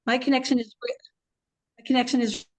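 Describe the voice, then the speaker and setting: A woman joining a commission meeting over a video call with a bad connection, apologetic and halting, her sentences cutting off. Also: high voice, flat delivery. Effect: bad video call connection, breaking up. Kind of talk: remote meeting talk. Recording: distant video call audio.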